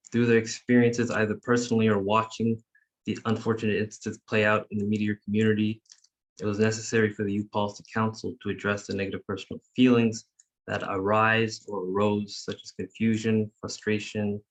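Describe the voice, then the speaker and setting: A man facilitating an online youth meeting, speaking in a measured, formal way as he reads prepared remarks over a video call. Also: fairly low pitch, flat delivery.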